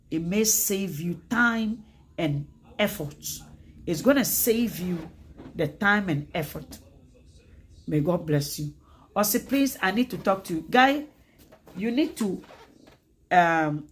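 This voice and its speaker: A woman with a Ghanaian accent hosts a casual livestream, chatting in an animated, lively way and slipping between English and Twi. Her voice is husky, with a slightly breathy edge. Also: mid-range voice. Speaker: livestream host.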